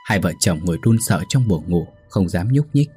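A man narrating a spoken ghost story in a steady, somber way. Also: deep voice, moderate pace, faint music behind.

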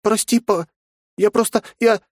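A hurt teenage girl with a high, tearful, pleading voice, as a male audiobook narrator puts her on. She is read from a storybook in a dry, close recording with no room sound. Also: fairly even intonation, a little slow, darkish tone, dry recording.

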